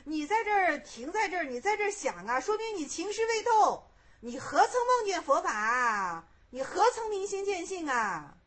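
A sharp-tongued monk , as a woman acts him out, calls out his rival in loud, challenging shouts. The voice is high and emphatic. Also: sing-song, moderate pace, slight background noise, full character voice. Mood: rebuking.

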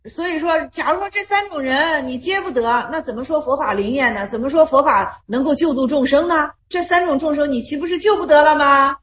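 A woman with a high voice leads a small Buddhist study group. She retells Zen koans in everyday language and speaks. She often loops back to the same question to press the point. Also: fairly quick, few pauses, fairly bright tone. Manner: repeats herself, asks rhetorical questions, retells stories in plain speech.

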